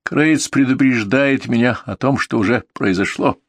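A man reading the part of a tired old male general who speaks in a flat, seemingly indifferent voice. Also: mid-range voice, normal speed, no room sound, lightly acted. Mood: weary. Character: weary old male Boer general, calm and stoic.

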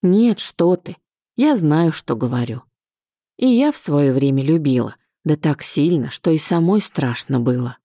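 A caring elderly aunt in an audiobook, talking low and fondly, as a woman reads her. The voice is mellow and dry, with plenty of lilt in the lines. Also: lively intonation, measured pace, no echo. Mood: tender. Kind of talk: audiobook character voice.

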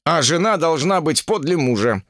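A man voicing a proud, stubborn monkey king in an audiobook, speaking slowly and commandingly. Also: on the high side, lively intonation, a bit bright, no echo, studio quality, voice pushed up. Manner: slow, lofty, commanding.

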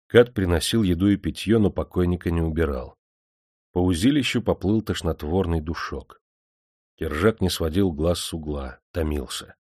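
Brief: male narrator, very low voice, dry close sound, grave and measured. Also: a little mellow, breathy edge, no room sound. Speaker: audiobook narrator. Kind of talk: dramatic storytelling narration.

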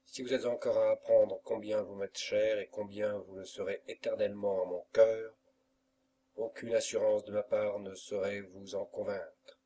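A man's voice: on the low side, little pitch movement, normal speed, dark tone, distant mic, slight background noise, natural voice. A man voicing a tender, grieving young woman in an audiobook, read with restrained sorrow. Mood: sorrowful.

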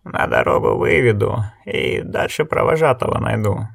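A man's voice: lowish voice, huge pitch swings, normal speed, creaky, no echo, studio quality, full character voice. A man reading an audiobook, voicing a stern middle-aged village elder who speaks up with indignation. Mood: indignant. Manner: indignant, raised voice.

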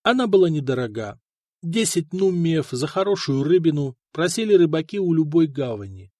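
A man reading a historical novel aloud in measured scripted narration. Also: fairly high pitch, sing-song, dark tone, dry recording, studio quality. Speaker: audiobook narrator.

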